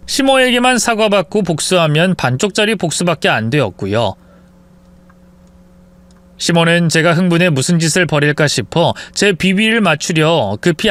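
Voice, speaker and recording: A woman telling a dramatic revenge story in the first person, cold and biting in the confrontations. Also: deep voice.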